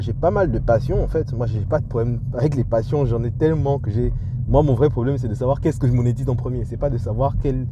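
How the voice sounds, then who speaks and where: A man talking casually to viewers as an entrepreneurship vlogger, his voice slightly muffled through a face mask, with hesitant delivery. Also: mid-range voice. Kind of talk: casual vlog talk to viewers. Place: on the move, leaving a garage. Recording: muffled lo-fi audio, clear vehicle and ambient noise.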